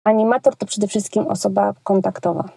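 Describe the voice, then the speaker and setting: A woman's voice: medium pitch, steady tone, fairly quick, creaky, dark tone, breathy edge, no room sound. A woman from Poland, a children's entertainer, talking casually in an interview with lots of hesitations and colloquial asides. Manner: chatty and colloquial, frequent hesitations.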